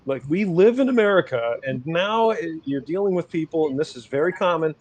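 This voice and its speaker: A man's voice: on the high side, expressive, a little fast, a little mellow. A man, a guest on a podcast, speaking in an emphatic, impassioned and profane manner. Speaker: podcast guest, rights activist. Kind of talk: casual chat.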